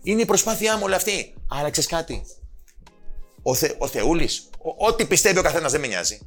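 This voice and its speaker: A personal trainer and author appears as a guest on a casual podcast, talking passionately and emphatically, swearing freely, and quoting people in altered voices. His voice is fairly high and a bit bright, swinging widely in pitch over soft background music.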